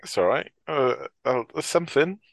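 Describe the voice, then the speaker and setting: A man chats about a film in a loose, rambling way, cursing easily and often dropping a thought halfway through. His voice sits at a middle pitch. The recording is close and dry. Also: lively intonation, normal speed, creaky, no echo. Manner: rambling, swears freely, trails off mid-sentence. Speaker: podcast co-host. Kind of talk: casual film discussion.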